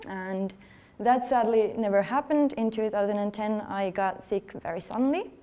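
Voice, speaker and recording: A woman, giving an earnest, conversational talk at a conference, now and then pausing over her words. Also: mid-range voice, dark tone. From Finland. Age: 30s. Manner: earnest, conversational, slightly halting. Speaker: athlete speaking at a workshop. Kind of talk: conference presentation. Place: conference hall.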